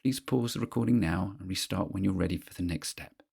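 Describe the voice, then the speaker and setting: A man with a low, heavily creaky voice leads a guided mindfulness exercise. His delivery is husky and measured, with pauses between short instructional phrases. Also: darkish tone. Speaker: guide of a therapeutic grounding exercise.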